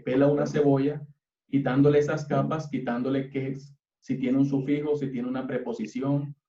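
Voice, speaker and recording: Man, Colombian accent, mellow voice, patient teaching sermon, distant dull recording in an echoey church. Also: mid-range voice. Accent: Colombian Spanish. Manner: patient, explanatory, spells out letters step by step. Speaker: youth service preacher teaching Hebrew. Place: church hall.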